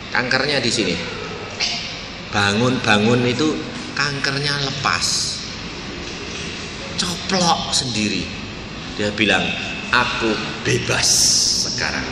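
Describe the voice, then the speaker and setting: A man's voice: medium pitch, animated, slow, long pauses. A man preaching a sermon, telling a story animatedly with voiced dialogue, in a church hall. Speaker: evangelist preacher. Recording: echoey hall with background noise.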